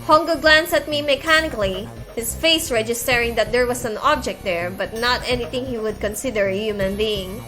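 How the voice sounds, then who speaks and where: A woman's voice: on the high side, fairly quick, hardly any pauses, bright, forceful tone, soft background music. A woman streamer reading a visual novel aloud, with chatty asides in between.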